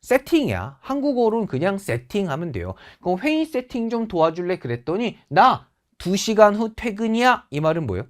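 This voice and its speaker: A woman's voice: mid-range voice, very animated, moderate pace, hardly any pauses. A woman teaching a TOEIC English class in Korean with Korean-accented English phrases, acting out quoted dialogue in exaggerated tones. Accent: Korean, with English example phrases. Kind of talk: lively lecture.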